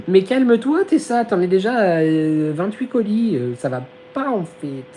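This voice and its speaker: A man's voice: sits high, animated, slow, mellow, slight background noise, rough recording. Man losing his voice on a casual live stream. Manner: chatty, giggly, slangy. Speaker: live-stream host reading chat. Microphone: phone. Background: fan humming behind the phone.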